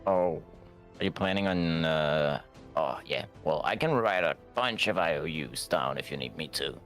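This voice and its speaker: A man's voice: a bass voice, animated, normal speed, a bit bright. A man doing casual improvised role-play in a tabletop game, hesitant and often trailing off. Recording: music playing behind the voice.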